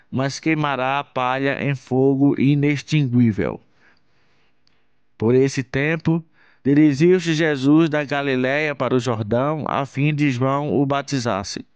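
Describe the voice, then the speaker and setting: A man from Brazil, hosting his channel, reads a Bible passage aloud in a slow, measured, solemn way. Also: medium pitch, smooth, dry recording, lo-fi sound. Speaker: channel host reading scripture. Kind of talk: Bible reading.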